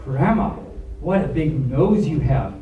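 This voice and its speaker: A storyteller puts on an earnest storybook girl who lectures and scolds in grand phrases. The pitch jumps around freely. It is heard from a little distance in a roomy, echoing space. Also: animated, a little slow, highs cut off, a little hiss or hum, natural voice. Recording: echoey room, recorded from far off.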